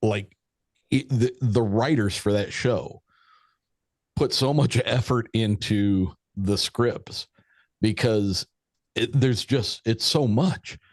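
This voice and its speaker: A man's voice: on the low side, takes it slowly, dry recording, studio quality. A man chatting casually as a panelist on a podcast. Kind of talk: casual chat.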